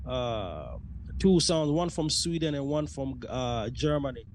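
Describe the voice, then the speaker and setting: A man from South Sudan, a sound clash selector, who speaks as a guest on a radio interview and gives shout-outs in dancehall slang. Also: mid-range voice, animated, measured pace, slight background noise.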